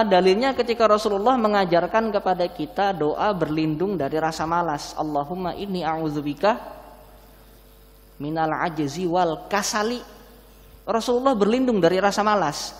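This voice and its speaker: Masked male preacher, echoing hall. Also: sits high. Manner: speaking through a face mask; conversational, explanatory, with rhetorical questions. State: slightly breathless. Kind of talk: Islamic sermon to a congregation. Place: large mosque hall, indoors. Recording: long hall reverb in mosque.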